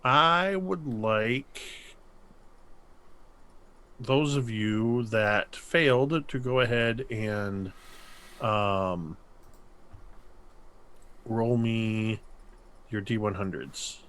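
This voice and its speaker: Slow, measured male game master. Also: on the low side, fairly bright tone, clear, resonant tone. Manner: slow, measured, pausing with ums. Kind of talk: narrating a tabletop horror game.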